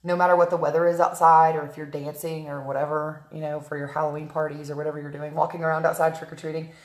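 A woman giving a casual live makeup tutorial from home, talking viewers through each step, greeting them by name and filling pauses with "um". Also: low voice, flat delivery. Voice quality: chatty, frequent "um" fillers, greets viewers by name mid-sentence. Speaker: makeup artist livestreaming a tutorial. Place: at home in a room, early morning. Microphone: tablet camera on a stand. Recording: roomy echo.

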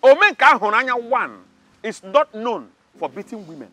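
An actor with a Nigerian accent playing a pompous, hot-tempered palace guard who is loud and scornful. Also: male voice, very high voice, very animated, moderate pace, exaggerated voice. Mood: angry scornful.

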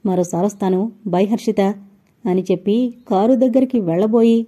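Female audiobook narrator with a mellow, breathy tone, reading a novel and voicing its people herself. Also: mid-range voice, normal speed. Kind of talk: scripted novel narration with character dialogue.

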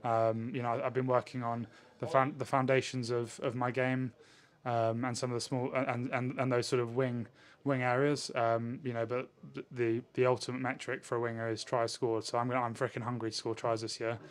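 In a post-match interview, a professional rugby winger in his twenties answers with measured care, his medium-pitched voice showing little pitch movement. He's indoors in front of a sponsor backdrop, with a handheld microphone held at his chest.

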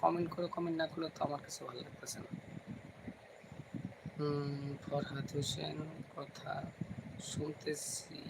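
A man hosting a casual live stream from home at night, speaking quietly so as not to wake the kids and chatting with viewers by name. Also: on the high side, level tone, measured pace, vocal fry, long pauses. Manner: talks softly, kids asleep nearby. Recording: noisy home recording, fan hum.

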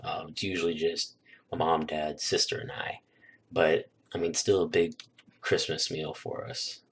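Young guy vlogging, really low voice, rambly storytelling w lots of ums. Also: measured pace, a little hiss or hum. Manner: relaxed, rambling, filler-heavy. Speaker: YouTuber. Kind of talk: casual storytelling vlog. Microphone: new desk microphone.

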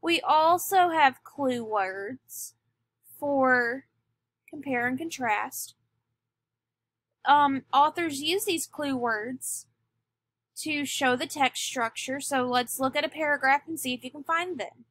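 A woman teacher giving a recorded lesson, speaking deliberately and stressing key words. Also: high voice, fairly bright tone, no echo. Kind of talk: recorded classroom lecture.

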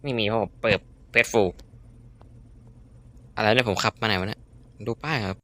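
A man's voice: fairly low pitch, moderate pace, pushed and bright. A young man chatting casually as he plays, joking at himself and blurting out sudden exclamations. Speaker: gaming YouTuber. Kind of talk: casual Minecraft let's-play commentary.

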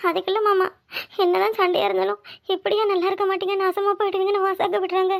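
A woman's voice: very high-pitched, little pitch movement, fast, vocal fry. A woman voicing a young pregnant wife in a cartoon, earnest and hopeful about their future. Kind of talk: cartoon voice acting.

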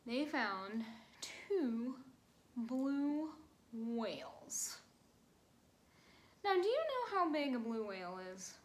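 A woman in her twenties giving a children's sermon from her bedroom, telling a story gently to kids with playful emphasis, recorded on a phone camera. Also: high-pitched, very animated, drawn-out words, pauses often, rough recording. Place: small bedroom at home.

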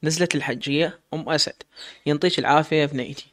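Brief: gentle older matriarch, brisk delivery, read by a man. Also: on the high side, natural voice. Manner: gentle, sympathetic. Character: kind older matriarch, sheikh's mother.

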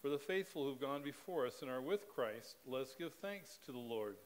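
The audio is poor as a middle-aged pastor, medium in pitch, leads the church's spoken liturgy. He speaks into the pulpit microphone in the sanctuary, reading with a measured, steady, even rhythm.

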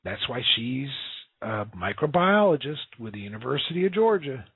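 Man, radio talk host, hoarse and husky, excited and emphatic, lots of uh and um, tinny phone-like sound. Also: mid-range voice, normal speed, no room sound. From US Gulf coast. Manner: excited, emphatic, with many fillers. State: losing his voice, hoarse. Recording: dry tinny phone-like line.

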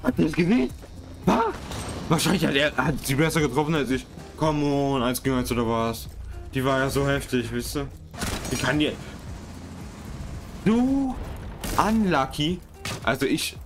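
Young German-speaking gamer guy, mid pitch, excitable, self-mocking, game music and gunfire loud behind. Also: brisk. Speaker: gaming YouTuber. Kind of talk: casual gameplay commentary.

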